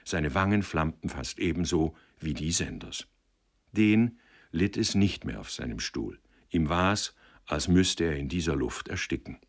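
A man narrating an audiobook in measured storytelling with vivid, expressive emphasis. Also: extremely low pitch.

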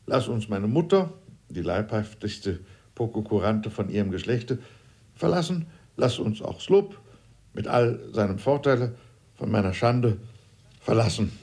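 Low husky guy reading a novel aloud, wry. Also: sing-song, measured pace, warm tone. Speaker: audiobook reader. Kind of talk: scripted narration of a novel.

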